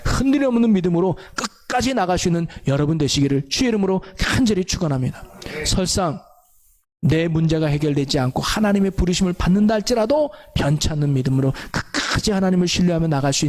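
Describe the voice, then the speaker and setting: A man preaches a sermon to his congregation in a somewhat high voice. He presses each point earnestly, stacking repeated phrases for emphasis and turning to rhetorical questions to draw the listeners in. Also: a little mellow. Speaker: pastor. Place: church.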